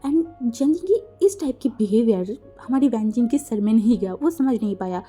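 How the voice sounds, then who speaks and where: Woman storyteller, casual fan fiction narration, chatty, fairly high voice, soft music underneath. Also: expressive, fairly quick. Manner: conversational, mixing English words, frequent restarts.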